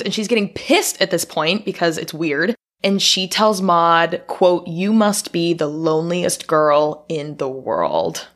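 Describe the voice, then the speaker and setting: A woman co-hosting a podcast, recapping a film's plot briskly with dry asides. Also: on the low side, a bit bright. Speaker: podcast co-host. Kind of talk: casual film recap.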